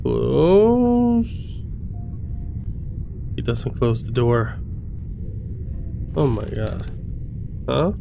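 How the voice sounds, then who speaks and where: A man giving casual let's-play commentary, muttering to himself in a jittery, jokey way with a gravelly voice. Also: mid-range voice, slow, pauses often, noisy background. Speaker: video game streamer.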